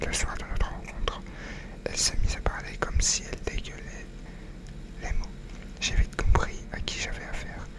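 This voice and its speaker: An ASMR narrator reads a novel entirely in whispers. The delivery is soft and breath-only, unhurried like a bedtime story, now and then tripping on a phrase and reading it again.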